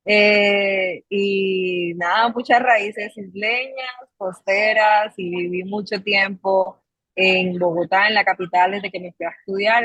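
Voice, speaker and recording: A woman, guest on an interview podcast, talking in a measured way with frequent pauses and fillers. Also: mid-range voice, fairly bright tone, no echo, low-quality recording. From Colombia, Caribbean coast. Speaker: psychologist and mindfulness coach, guest. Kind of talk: interview guest, reflective storytelling.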